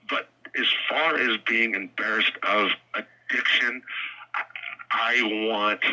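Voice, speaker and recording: A man talks from a prison phone with a piercing, husky sound. He speaks candidly in a halting way, circling back and repeating words as he confesses. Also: lowish voice, bright, forceful tone. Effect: prison phone line. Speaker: interview guest calling from jail. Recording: harsh prison phone line, radio-like.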